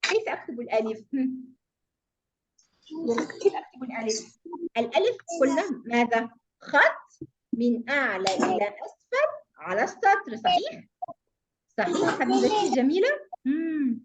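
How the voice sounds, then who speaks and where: A woman's voice: high-pitched, very animated, moderate pace, pauses often, noisy background. A woman teaching a kindergarten class online. She speaks in an affectionate, sing-song and encouraging way over a video call. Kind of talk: online class for small children.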